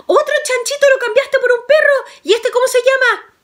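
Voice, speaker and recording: A woman storyteller voicing a fussy old grandmother who squeals high and flutters in alarm. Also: fairly even intonation, normal speed, fairly bright tone. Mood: scolding. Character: fussy old grandmother, shrill and easily startled.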